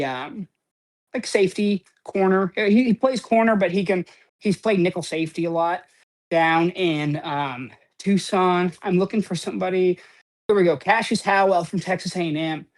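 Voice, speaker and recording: A man co-hosting a podcast, talking sports in a rambling, casual way, full of "um" and "like" and casual swearing. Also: high voice. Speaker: podcast co-host.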